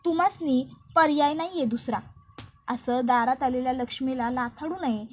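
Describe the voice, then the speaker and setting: A woman's voice: high-pitched, moderate pace, a little hiss or hum, natural voice. A woman voicing a pushy rustic village man who speaks in a rural dialect. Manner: rural dialect, swaggering, bossy. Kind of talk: recap narration with read-out dialogue.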